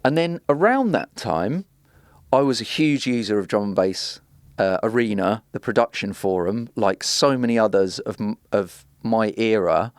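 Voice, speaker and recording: A man, a guest producer, chatting in a relaxed, hesitant way with many pauses. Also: fairly low pitch, no room sound, clean studio sound. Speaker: guest, drum and bass producer. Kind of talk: casual chat. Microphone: podcast studio mic.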